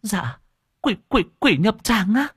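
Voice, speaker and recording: A man's voice: fairly high pitch, lively intonation, normal speed, husky, dry recording, pitched above the performer's own voice. A man voicing a frightened old village woman who stammers and pleads, close to tears. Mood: terrified. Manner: stammering, panicked, near tears.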